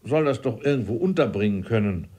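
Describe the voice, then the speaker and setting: Fretful, insistent period father, read by a man, husky, pitched up. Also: animated, brisk, dark tone. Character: fussy excitable 18th-century father.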